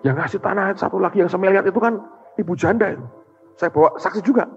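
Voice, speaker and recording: A man, preaching a sermon as a pastor, telling a testimony with animated storytelling that rises to loud emotional peaks. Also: high voice, quick pace. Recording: dull reverberant church hall recording with faint music.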